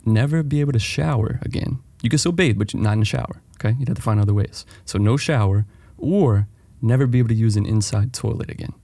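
A man co-hosting a podcast, cracking jokes in casual chat and slightly husky. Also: mid-range voice, fast talker, few pauses, warm tone. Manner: joking, says "bro" a lot. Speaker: podcast co-host.

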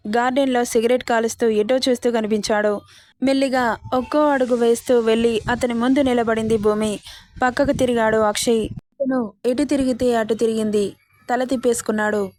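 A woman's voice: a little high, steady tone, normal speed, darkish tone. Woman narrating a serial story.

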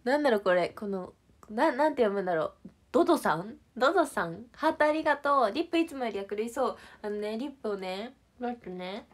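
A woman's voice: fairly high pitch, animated, fast. A young woman from Shizuoka, Japan, hosting a casual livestream and chatting with viewers in a bubbly, playful, giggly way. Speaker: idol livestream host. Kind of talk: casual livestream chat reading comments.

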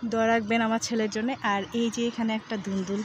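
Out in an open rooftop garden in the city, a Bangladeshi-accented woman talks very fast to her viewers in a level, fairly high voice, explaining things with some repetition. The handheld phone behind the camera picks up plenty of outdoor noise.

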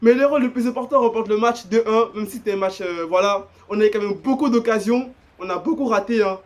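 A young man commentating his own football video game match, excitable and slangy, repeating himself and breaking into shouts and laughs. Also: high-pitched, brisk. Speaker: gaming YouTuber. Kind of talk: live gameplay commentary.

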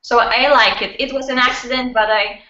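A young woman with a Polish accent, a guest in a casual video-call interview, talking haltingly with many fillers and restarts. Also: a little high, fairly even intonation, sharp tone, a little hiss or hum. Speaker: guest musician. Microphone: webcam. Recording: distant, echoey, dull webcam audio.

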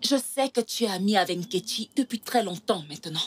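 A woman's voice: medium pitch, lively intonation, a little fast, slightly rough. A stern, scolding village mother. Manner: scolding, loud outbursts. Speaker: dubbing actor. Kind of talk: French film dub.

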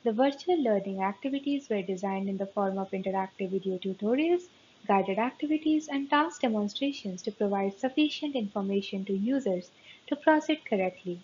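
A woman presenting research in a steady, scripted conference-talk narration, recorded close on a webcam mic. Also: medium pitch, brisk. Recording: slightly dull, faint hiss.

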